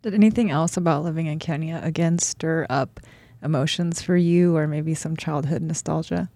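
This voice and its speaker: Low gravelly-voiced woman interviewer. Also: moderate pace, no room sound, studio quality. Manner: curious, gently encouraging questions. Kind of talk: casual interview.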